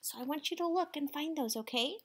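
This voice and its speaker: A woman teacher hosting a children's story time, reading aloud in an animated, sing-song way and sometimes dropping to a whisper. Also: sits high, brisk, a little hiss or hum.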